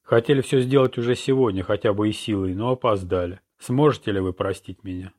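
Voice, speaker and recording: A man's voice: lowish voice, a little fast, close to an everyday voice. A man reading as a weary, frail old director. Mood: remorseful. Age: older. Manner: calm, everyday tone, quiet.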